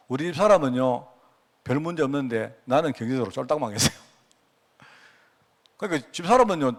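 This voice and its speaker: A middle-aged pastor with a Gyeongsang Korean accent and a medium-pitched voice preaches a sermon. His style is folksy and conversational, and he often asks listeners to agree with him.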